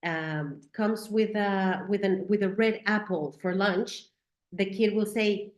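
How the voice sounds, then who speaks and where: Speaking slowly in a steady, medium-pitched voice, a woman delivers a talk on teaching in Spanish-accented English; Spanish is her first language. As a teacher trainer, she keeps checking in with listeners using "right?" and "okay?". Her voice echoes in the room.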